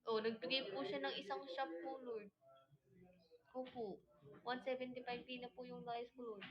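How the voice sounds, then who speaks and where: A woman's voice: on the high side, flat delivery, normal speed. A Filipino woman hosting a casual livestream, mock-praying to the Lord about gifts from viewers in a polite, pleading way. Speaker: livestream host. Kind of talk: casual livestream chat, pretending to pray. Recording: dull lo-fi audio with loud crowd behind.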